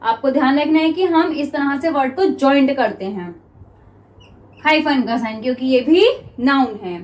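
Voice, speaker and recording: In a high-pitched voice at a moderate pace, an Indian-accented teacher runs a shorthand class. She dictates sentences slowly, often makes sure her students understand, and leans on the words "clear?" and "students" in her coaching tone.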